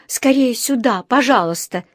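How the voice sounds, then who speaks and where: A woman's voice: on the high side, expressive, slow, dry recording, clean studio sound, voice pushed up. A woman voicing a frightened young nurse who talks in an urgent, pleading way, in a storybook reading.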